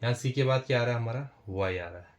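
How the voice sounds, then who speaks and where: A man's voice: mid-range voice, fast talker. A man teaching a basic English spelling lesson, explaining step by step, repeating himself and calling his viewers friends. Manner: repetitive, addresses viewers as friends. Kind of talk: explanatory lesson with writing on board.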